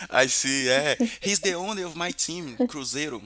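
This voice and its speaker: A man's voice: fairly high pitch, animated, a little slow, bright, forceful tone, dry recording. A Portuguese-speaking man from Brazil practicing English conversation, often repeating words while he searches for them. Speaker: English student.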